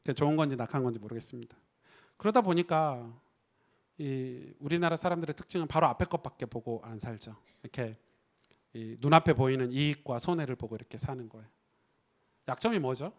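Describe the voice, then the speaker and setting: A Korean pastor delivers a Sunday sermon in church, speaking a little fast in a mid-range voice. He keeps it conversational, tosses rhetorical questions to the congregation, and acts out the voices he quotes.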